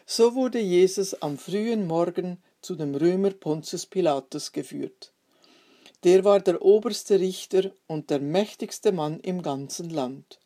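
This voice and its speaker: A woman reading a children's Bible story aloud in a calm, unhurried way. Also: fairly low pitch. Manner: slow, calm reading, raising her voice for the quoted shouts.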